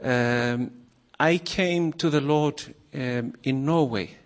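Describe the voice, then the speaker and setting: A former missionary from Iceland, appearing as a guest preacher, gives a nervous sermon to a congregation, halting often with many pauses and fillers. His voice is mid-range.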